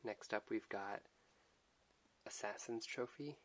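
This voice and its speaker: A soft-spoken man giving an unhurried ASMR unboxing commentary. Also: fairly low pitch. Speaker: host of an unboxing video. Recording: hissy background noise.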